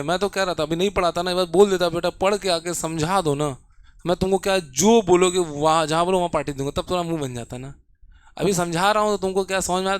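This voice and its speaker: A man's voice: high voice, fairly bright tone, clear, resonant tone, no echo. A man teaching a physics lesson in a classroom, joking with and scolding his students as he explains.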